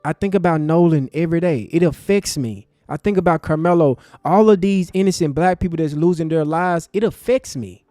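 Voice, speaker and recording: A man giving impassioned, profane livestream commentary from his desk, swinging between loud outbursts and low, intense talk. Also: brisk, few pauses, no echo, clean studio sound. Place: home desk. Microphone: desk mic.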